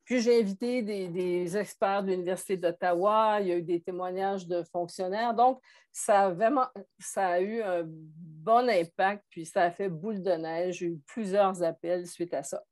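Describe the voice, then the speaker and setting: A woman in her sixties from Montreal, Quebec, with a Québécois French accent, shares her story as a guest in a conversational interview, thoughtful and hesitating often. Her voice is lowish and a little mellow, and she speaks at a normal speed.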